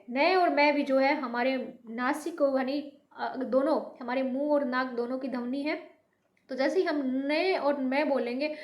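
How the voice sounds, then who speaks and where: Slow, high-voiced woman teaching Hindi. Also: roomy sound. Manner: slow, repetitive, drawn-out pronunciation of sample words; mixes English words into her Hindi. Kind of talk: online language lesson.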